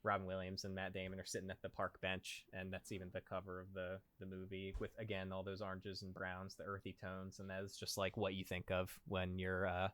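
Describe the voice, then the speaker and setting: A man hosting a casual movie podcast, rambling and laughing often, trailing off quietly. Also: deep voice, monotone, fairly quick, hardly any pauses, dry recording. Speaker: podcast host. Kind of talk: casual chat.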